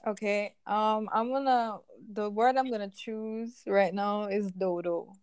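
A woman's voice: medium pitch, fairly even intonation, measured pace, darkish tone, clear, resonant tone, no echo, clean studio sound. A woman with a Guyanese accent, co-hosting a podcast in playful, teasing casual chat full of slang. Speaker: podcast co-host.

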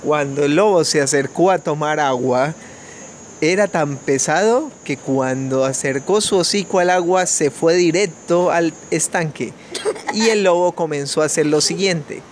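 A man from Colombia tells a children's fairy tale in a gentle, unhurried way, and his voice sits a little higher than usual for a man. Faint crickets and insects chirp behind him, and there is a light hiss of noise. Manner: gentle, measured storytelling with small restarts. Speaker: family storyteller.

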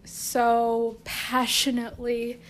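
A woman's voice: a little high, monotone, takes it slowly. A woman hosting her own podcast at home, chatting casually in a playful, giggly, self-mocking way while walking around the house. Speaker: podcast host. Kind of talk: casual solo podcast chat.

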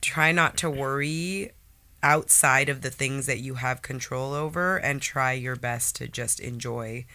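A man with a bright, clear tone, a little nasal and sniffly from a cold. He talks in a chatty, upbeat way as a podcast co-host giving tips. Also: medium pitch, steady tone, a little slow. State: stuffy nose from a cold. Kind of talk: casual chat.

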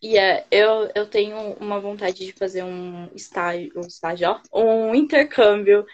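A woman's voice: mid-range voice, measured pace, dull audio. A Brazilian woman talks casually about learning English. She is talkative in her own language. She hesitates and repeats herself when she tries English words. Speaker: student. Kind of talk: casual chat.

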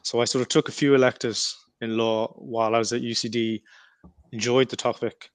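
A young man answering as an interview guest in a measured, reflective way. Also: mid-range voice, little pitch movement, clean tone, no room sound. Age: young adult. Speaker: podcast guest, law firm associate.

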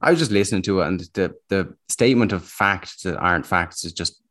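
A man's voice: sits low, a little fast, a bit bright. An Irish-accented man chatting casually as a sports podcast panellist, opinionated and grumbling. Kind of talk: casual chat.

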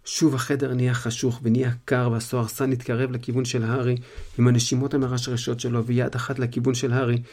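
A man's voice: mid-range voice, flat delivery, darkish tone. A man retelling a story to listeners in his own words, casually, with small fillers.

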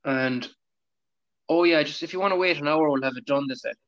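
Over a dull, low-fidelity online call comes an Irish man with a fairly high voice for a male. He talks in loose, colloquial banter and swears freely, like a co-host chatting with friends. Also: brisk, fairly bright tone. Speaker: podcast co-host.

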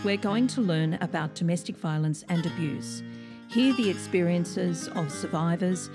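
A woman, a local councillor, giving a formal, welcoming scripted podcast introduction. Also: fairly low pitch. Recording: over background guitar music.

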